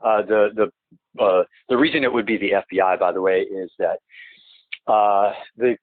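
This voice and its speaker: A man's low voice comes through a tinny, narrow phone line with a dry, close sound. He rambles and stumbles, restarting phrases and repeating words, and he presses his points insistently. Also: fairly even intonation, normal speed, no room sound. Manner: insistent, emphatic complaints. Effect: heard through a phone line. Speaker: client on a phone call. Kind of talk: phone conversation.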